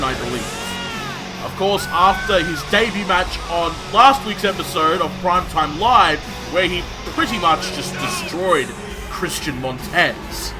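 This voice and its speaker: An excitable male wrestling play-by-play announcer, acted out by a man with a high voice. He delivers dramatic sports commentary over a loud music bed. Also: rough recording.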